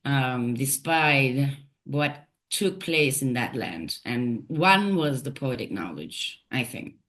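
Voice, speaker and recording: A woman from Turkey speaks in a low voice as an interview guest. She is thoughtful and unhurried, pausing, restarting and reaching for words as she reflects. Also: expressive, fairly bright tone. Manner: thoughtful, halting, with frequent fillers and restarts. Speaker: guest, poet and translator.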